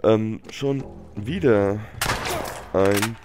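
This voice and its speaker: With a lowish voice and drawn-out words, a young adult let's player who has a cold mutters, swears and chats in slang through a headset microphone. Game music and gunfire sound behind him as he hosts his gameplay series.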